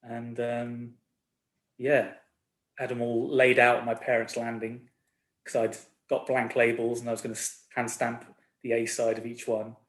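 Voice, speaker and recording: A man's voice: medium pitch, monotone, measured pace. A man in his forties, a record label owner, chatting casually as a guest in a laid-back, rambling, self-deprecating way. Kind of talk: casual chat. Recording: roomy echo.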